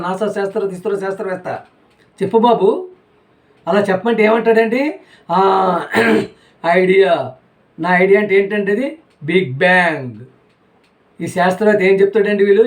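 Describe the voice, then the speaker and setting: A man preaching a sermon, firing rhetorical questions at his listeners and repeating phrases over and over. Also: sits high.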